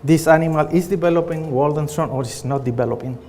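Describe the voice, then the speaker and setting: A man's voice: a little high, quick pace, darkish tone, slight background noise. A middle-aged man from Chile with a Chilean Spanish accent, giving an earnest conference presentation as a pathologist, with frequent fillers and restarts. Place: conference hall. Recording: reverberant conference hall.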